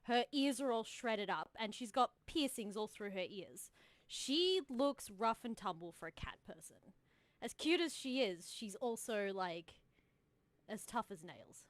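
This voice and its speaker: A woman's voice: mid-range voice, lively intonation, measured pace, no echo. A woman playing a tabletop role-playing game, chatting casually and describing her character.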